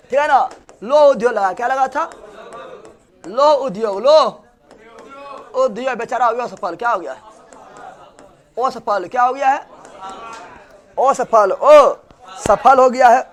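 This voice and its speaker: A male teacher, giving a classroom lecture and drilling students with repeated questions and answers. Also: extremely high pitch.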